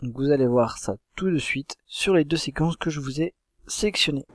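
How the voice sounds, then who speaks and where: A man's voice: a little high, moderate pace, background noise. A man presenting clips in a casual narration style. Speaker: video presenter.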